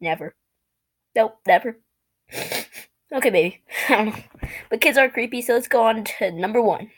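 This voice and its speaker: A woman's voice: on the high side, normal speed. A young woman reading creepy stories aloud and reacting to them, easily startled and given to laughing and shrieking between readings. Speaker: reaction video creator.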